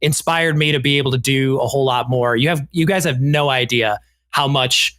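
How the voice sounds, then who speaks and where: A man who produces a podcast, speaking in a heartfelt, halting way with many fillers. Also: mid-range voice, sharp tone, no room sound. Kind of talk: casual chat.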